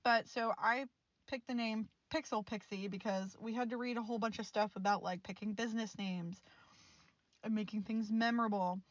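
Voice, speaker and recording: A woman in her twenties, an art student, rambles candidly over her art footage, casual and slightly exasperated with frequent laughs. Her mid-range voice moves at normal speed with fairly even intonation, and the recording has no room sound and cut-off highs.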